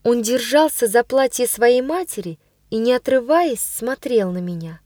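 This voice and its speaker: A woman reads a story aloud with dramatic expression in a fairly high voice. The sound is close and dry, with no room around it. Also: lively intonation, normal speed, a little mellow, dry recording. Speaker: audiobook reader.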